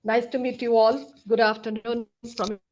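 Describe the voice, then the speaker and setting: Woman professor, formal, higher voice. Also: level tone, normal speed, a little mellow. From India. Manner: formal, list-like. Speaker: computer science professor, head of department. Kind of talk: self-introduction on a video call. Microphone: video call.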